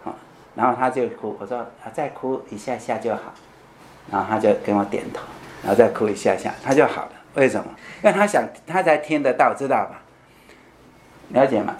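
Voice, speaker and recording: A man's voice: mid-range voice, slight background noise. A man giving a conversational sermon. He asks the congregation questions, answers them himself, repeats key phrases and keeps adding "you know?". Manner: tags lines with "you know?". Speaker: preacher.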